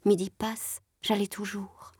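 A woman voicing a young, worn former country servant girl in a hushed, confiding whispered role-play, using rustic turns of speech. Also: medium pitch, flat delivery, takes it slowly, slightly rough, dry recording.

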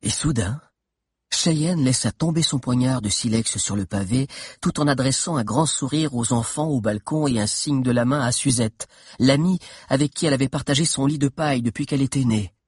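A man reading a children's adventure novel aloud in a steady, dramatic narration with tense pauses. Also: medium pitch, slightly rough, no echo, studio quality. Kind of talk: audiobook narration.

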